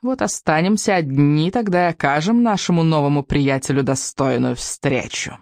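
Reader doing a sly hunting dragon, purring, menacing, lively, storybook. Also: mid-range voice, moderate pace, no echo, clean studio sound, lightly acted. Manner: purring, threatening.

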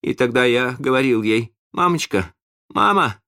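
A man voicing a timid, guilt-ridden lost boy in a storybook, with a soft, earnest boyish voice. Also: medium pitch, animated, a little slow, gravelly, voice pushed up, heavily acted. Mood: sad, earnest.

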